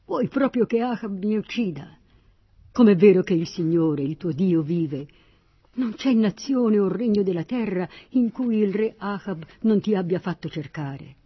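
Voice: mid-range voice, expressive, measured pace, husky. A reader voicing a fearful, loyal male royal steward in a read-aloud Bible story, pleading anxiously. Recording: dull lo-fi recording.

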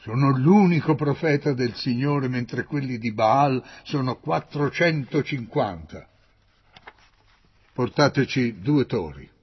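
A man voicing a stern, commanding old male prophet in a read-aloud Bible story, declaiming with loud emphatic peaks. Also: mid-range voice, expressive, slow pace, breathy edge. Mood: proclaiming. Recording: dull lo-fi recording.

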